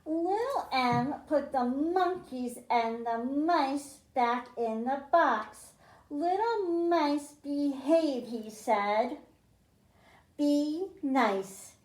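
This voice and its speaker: In a library room, a woman librarian reads a picture book to children in a sing-song storytime style, leaning on the m sounds, and then explains a science activity. Her high-pitched voice has lively intonation and a very slow pace, in a roomy, low-quality recording.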